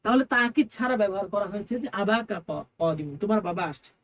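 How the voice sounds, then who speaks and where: A woman teacher, giving an exam-prep lecture. She explains each term step by step, puts questions to the listener and answers them herself, and slows to a drawl when reciting phrases. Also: medium pitch, expressive, highs cut off. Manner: explains Arabic terms line by line in Bengali, asks and answers her own questions.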